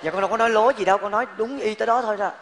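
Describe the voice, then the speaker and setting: An actor playing an eager young suitor who turns meek and polite before the elder in a live stage comedy sketch. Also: male voice, high voice, rapid-fire, noisy background. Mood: timid. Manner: eager then deferential, polite particles. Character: young earnest male suitor from the city. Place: large theater stage. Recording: live stage, long hall reverb.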